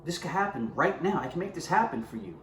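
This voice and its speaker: A man's voice: a little high, very animated, quick pace, a bit bright, a little hiss or hum. A man earnestly sharing his personal faith testimony to camera and talking straight to his viewers. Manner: earnest, conversational, addresses viewers directly. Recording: roomy echo with faint ambience.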